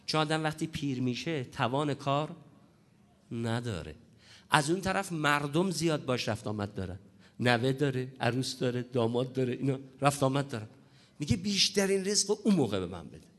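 Hoarse male preacher, lively and emphatic. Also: mid-range voice. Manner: lively, emphatic, repeats key points. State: hoarse from a cold. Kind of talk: religious lecture on prayer.

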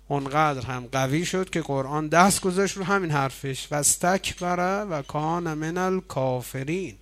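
A man's voice: a little high, a bit bright. Man preaching at a Quran session in a mosque. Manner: builds to raised, emphatic peaks while explaining traditions. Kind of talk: sermon.

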